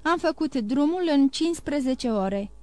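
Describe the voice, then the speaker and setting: A loyal manservant, earnest and dutiful, speaking plainly to his master, as a woman reads him in a storybook. The voice is fairly high and the recording is dry and close. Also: animated, warm tone, dry recording.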